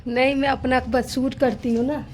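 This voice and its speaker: A woman vlogging casually at home and on a rooftop, talking quietly into a phone camera so she won't wake anyone. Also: level tone, normal speed. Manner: hushed, low-volume talk so as not to wake a sleeper. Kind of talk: casual vlog chat while walking around home.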